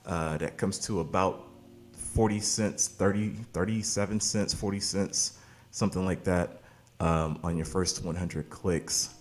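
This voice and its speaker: A slightly slow man with a low voice and fairly even intonation pitches offers to camera for his online marketing channel. Hyped and salesy despite being tired from a late-night recording, he keeps it casual and calls viewers "baby" and "man."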